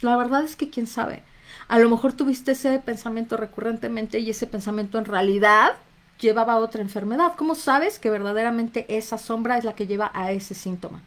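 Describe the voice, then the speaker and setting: A woman's voice: a little high, fairly quick. A woman with a Mexican accent, a therapist talking to viewers on a live stream in a casual, conversational way and greeting them by name. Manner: conversational, reads out viewers' names, acts out little inner voices.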